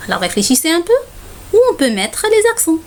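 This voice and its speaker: A woman's voice: extremely high pitch, big pitch swings, a little fast, a little hiss or hum. A woman teacher giving a spelling lesson, dictating single words with care and saying "alors" often. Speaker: French teacher.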